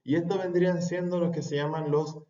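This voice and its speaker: A man teaching a pronunciation lesson, repeating words slowly and carefully. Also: a little high, steady tone, dark tone. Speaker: English teacher. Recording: echoey room, dull lo-fi sound.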